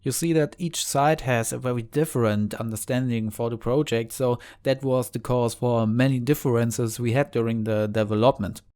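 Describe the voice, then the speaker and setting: A man's voice: medium pitch, fairly even intonation, normal speed, hardly any pauses, darkish tone, smooth. German-accented man giving a devblog. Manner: earnest, explanatory, slightly non-native phrasing. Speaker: game mod developer. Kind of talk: casual devblog narration.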